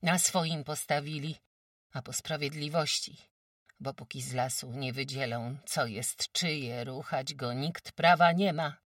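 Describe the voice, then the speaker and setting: A woman's voice: sits low, a little slow, dry recording, studio quality, distant mic, voice pushed up. A woman voicing a careworn peasant farm wife who talks emphatically in rustic speech, lamenting her troubles. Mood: telling woes. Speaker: farm housewife.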